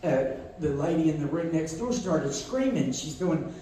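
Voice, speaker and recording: A woman's voice: sits low, expressive, normal speed, mellow. A middle-aged woman doing stand-up storytelling, chatty and self-amused, laughing often at her own tales. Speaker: stand-up comedian. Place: comedy club stage. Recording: echoey room from distant mic with faint noise.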